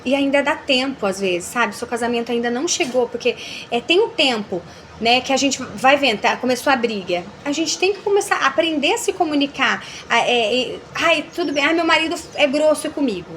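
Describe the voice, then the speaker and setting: A Brazilian woman with a Brazilian Portuguese accent chats casually as a mentor about faith and family, animatedly acting out quoted dialogue. Her voice is high and fairly quick, with slight background noise.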